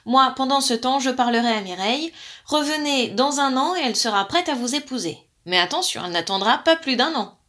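Woman reader as a gentle male priest, calm, plain-spoken. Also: sits high, brisk. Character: kindly male village priest.

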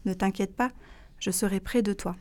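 A woman voicing a gentle old grandmother who loves the night, in a soft, reassuring storybook reading. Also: mid-range voice, steady tone, normal speed, lightly acted. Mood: tender.

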